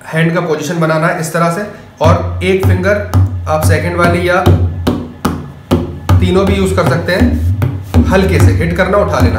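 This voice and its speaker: A man teaching tabla in a casual lesson, speaking the drum syllables aloud as he plays them. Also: high voice. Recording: echoey room with loud tabla.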